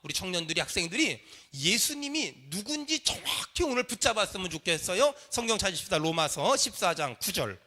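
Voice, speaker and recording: A man's voice: sits high, big pitch swings, a little fast, sharp tone. A man preaching a sermon in a church, leading the congregation in call and response. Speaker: pastor. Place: church sanctuary.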